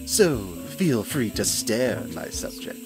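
A man at medium pitch gives the villainous hyena scientist a sing-song, slow delivery, narrating to the listener in a gloating mood. Silky, condescending and theatrical, he chuckles often, and background music plays behind this hobby audio play.

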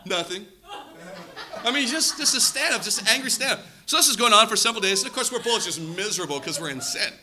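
Male preacher in his thirties, animated storyteller, high and bright, acts out quotes. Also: fast talker, few pauses. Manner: animated, acts out quoted voices, shouts for effect. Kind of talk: storytelling sermon.

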